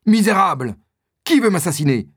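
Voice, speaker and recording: Man doing a hot-headed young swordsman, high ringing voice, lively, dry close sound, audiobook. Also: a little slow, dry recording. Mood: indignant. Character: bold young male swordsman hero.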